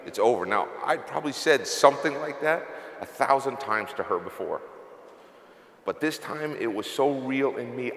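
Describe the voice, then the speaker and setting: A man's voice: medium pitch, fairly bright tone. A man giving a confessional motivational speech at a convention, fighting back tears as he speaks. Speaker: company executive giving closing remarks. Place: large convention hall. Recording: echoey hall reverb.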